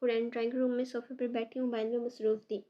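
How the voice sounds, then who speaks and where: A woman's voice: a little high, level tone, quick pace. A woman narrating a novel aloud, reading every character herself in a lightly varied voice. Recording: dull lo-fi recording.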